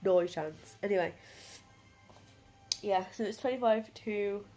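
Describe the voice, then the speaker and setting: A woman's voice: medium pitch, a little slow, dark tone, soft background music. A young British woman with a badly blocked nose from a head cold, chatting casually and wearily in a phone vlog. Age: 20s to 30s. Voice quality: heavily congested, blocked-nose voice. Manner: weary, self-deprecating. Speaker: vlogger and mother. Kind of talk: casual food diary vlog. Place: small living room, indoors. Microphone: phone at arm's length.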